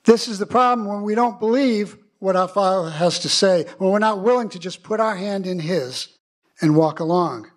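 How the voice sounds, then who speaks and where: A man's voice: high voice, moderate pace. An older man, a pastor, preaching a sermon in an earnest way and reading scripture aloud.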